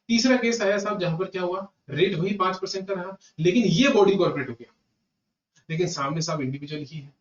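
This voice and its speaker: An Indian man teaching a class with a slightly high voice, circling back over each point as he talks straight to his students. He sounds roomy and set back from the mic, a bit muffled. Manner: animated, repeats points, addresses students as "beta" and "sahab". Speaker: GST lecturer. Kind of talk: classroom lecture. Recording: echoey room, distant muffled mic.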